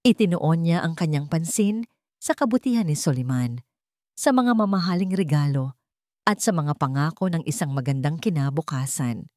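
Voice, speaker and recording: Working as an audiobook narrator, a woman with a Filipino accent reads a scripted dramatic story. Her low-pitched voice is animated and darkish at normal speed, in clean studio sound with no room sound.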